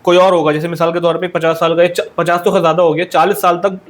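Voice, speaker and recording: Earnest young man, higher voice. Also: flat delivery, fast. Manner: earnest, repetitive, mixes English phrases into Hindi-Urdu. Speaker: podcast guest. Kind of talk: conversational discussion.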